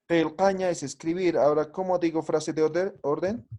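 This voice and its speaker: This language teacher speaks at a fairly high pitch with fairly even intonation, a normal speed and a warm tone. During his classroom lesson he explains things patiently and regularly checks comprehension through tag questions.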